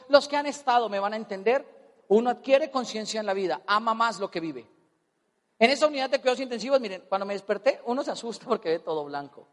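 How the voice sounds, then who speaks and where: A Colombian man telling a personal story as a motivational speaker, animated and comic, acting out voices. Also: very high voice, in a large hall. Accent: Colombian Spanish. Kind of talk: storytelling talk on stage.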